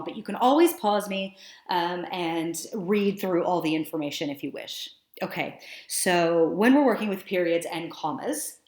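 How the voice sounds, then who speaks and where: A woman's voice: mid-range voice, darkish tone. A woman teacher narrating a screencast lesson in an explanatory, conversational way with some fillers. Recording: roomy echo.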